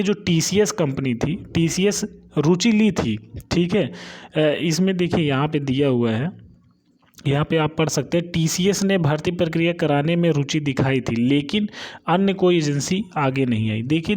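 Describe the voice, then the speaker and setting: Speaking casually as a channel host, this man walks through exam updates one point at a time, tagging check-ins with his audience onto the ends of phrases. His voice is slightly high and a little mellow.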